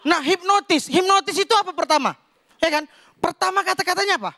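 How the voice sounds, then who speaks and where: A man from Medan with a Medan Indonesian accent doing a stand-up routine on stage, animated and acting out characters with loud punchlines. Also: very high-pitched, fast talker, no echo, studio quality. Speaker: stand-up comedian. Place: comedy stage before a live audience.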